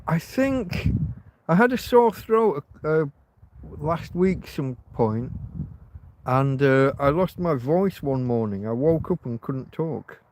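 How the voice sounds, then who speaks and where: A man hosts a meandering live stream in a fairly high, darkish voice, moving slowly with lively intonation. He talks casually to his viewers, frequently begins sentences again, and has a slight cough from a throat tickle.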